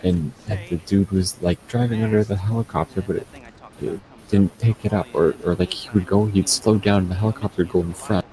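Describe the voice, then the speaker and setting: A man's voice: sits low, steady tone, fairly quick, mellow. A young man chatting casually while playing a heist game with a friend, rambling with many restarts. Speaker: gamer. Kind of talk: casual gaming chat. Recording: noisy game audio behind.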